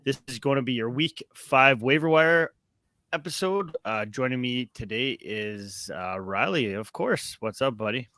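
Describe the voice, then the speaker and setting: A man's voice: medium pitch, animated, a little slow, pushed and bright, no room sound. A young man hosting a casual sports podcast, upbeat and rambling with plenty of fillers. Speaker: podcast host.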